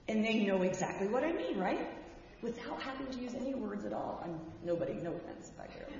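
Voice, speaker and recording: A woman giving the children's message in church, gently asking the kids questions and leading them through gestures. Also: a little high, a little hiss or hum. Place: church sanctuary. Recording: echoey hall from far off, dull.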